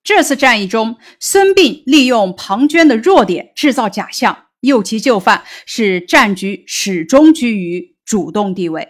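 A woman's voice: fairly high pitch, lively intonation, measured pace, few pauses. Woman teacher reading a lesson aloud.

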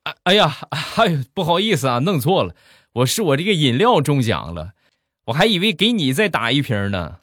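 A flustered young nurse who is apologizing in a hurry, as a man puts her on. The voice is lifted high and the words tumble out fast. The sound is close and dry. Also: big pitch swings, a bit bright, no echo.

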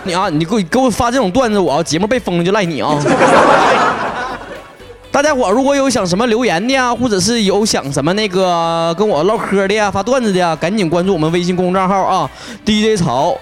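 A man with a Northeastern Chinese accent hosting a comedic talk show, chatting colloquially in an animated way and reading out listener messages. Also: high-pitched, quick pace. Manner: animated, colloquial, laughs often. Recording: loud background music under the voice. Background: loud music.

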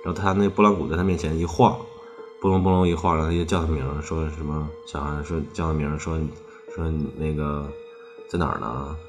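Very deep-voiced man telling a rambling tale. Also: fairly even intonation, a little fast, music in the background. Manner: rambling, strings clauses with "then" and repeats phrases. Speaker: storyteller on a ghost-story podcast. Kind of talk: casual chat storytelling.

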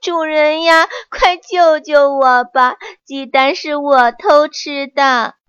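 Woman narrator doing a greedy, cowardly cartoonish monkey; squeaky, lively pleading, dull dry recording. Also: measured pace, no echo. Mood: panicked pleading. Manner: high, excited, whining pleas. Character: greedy, sly little male monkey, easily scared.

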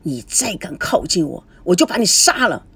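A woman's voice: mid-range voice, expressive, normal speed, husky. A woman voicing a restrained young Beijing woman. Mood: cold anger. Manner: quiet, restrained, cold. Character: young Beijing woman, composed but fierce when pushed.

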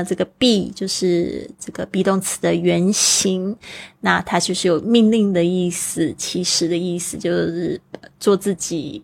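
A woman's voice: mid-range voice, creaky. A woman in her forties hosting a podcast English lesson, explaining pronunciation step by step and mixing Chinese with English. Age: 40s. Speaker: podcast host and English teacher.

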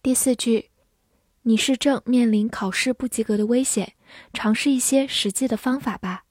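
A woman narrating a scripted vocabulary lesson, saying each English word twice and then defining it slowly. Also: fairly high pitch, darkish tone, husky, no room sound, studio quality.

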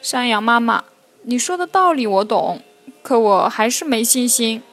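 A woman voicing a tiny young ant who wants to be a hero, in a children's storybook reading, talking high and loud with sobs. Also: expressive, moderate pace, faint music behind. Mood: glum. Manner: high, loud, sobbing and pleading.

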